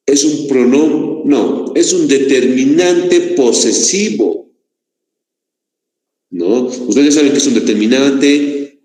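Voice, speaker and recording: Lecturing to a class, a man with a Bolivian Spanish accent often asks his students rhetorical questions. His mid-range voice has a darkish tone, and the recording is echoey with a long reverb.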